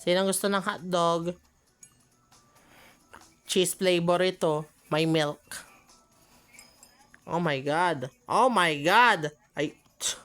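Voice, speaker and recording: Slow-talking gamer lady, lots of exclaiming, soft music in the back. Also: on the low side, steady tone. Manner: chatty, exclaims often, laughs at her own mistakes. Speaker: gaming channel host. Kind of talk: casual gameplay commentary.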